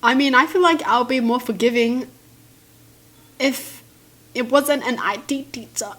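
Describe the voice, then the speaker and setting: A woman with a fairly high voice hosts a story-reading video. She reads accounts aloud and adds casual commentary, reacting in an animated, indignant way. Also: measured pace.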